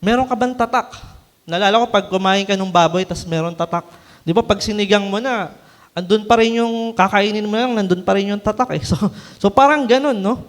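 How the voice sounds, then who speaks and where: High-voiced man preaching in an echoing hall. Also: a little fast. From Philippines. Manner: conversational, frequent tag questions and light laughs. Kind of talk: conversational sermon teaching.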